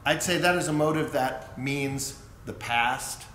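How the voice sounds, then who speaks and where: A man's voice: mid-range voice, measured pace, a bit bright, faint music behind. A man, a conductor, casually retelling an opera plot and briefly acting out the characters' lines. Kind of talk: casual spoken introduction. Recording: echoey room with faint noise.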